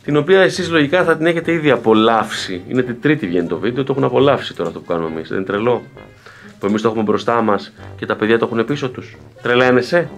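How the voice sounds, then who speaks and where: Soft music plays behind a man's mid-range voice as he chats casually to his handheld camera. He's a video editor vlogging his workday at a TV station, tossing in playful, joking asides on his way to the control room.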